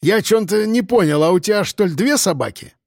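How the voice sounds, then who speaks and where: A man's voice: sits high, expressive, brisk, dry recording, clean studio sound, pitched above the performer's own voice. A man voicing a bossy, boozy unshaven local man who barks crude orders. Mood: puzzled.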